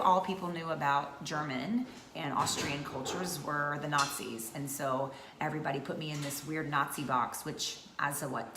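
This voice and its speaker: A woman in her thirties from North Georgia, chatting casually to camera as a vlogger with many fillers. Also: deep voice. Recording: echoey room with faint noise.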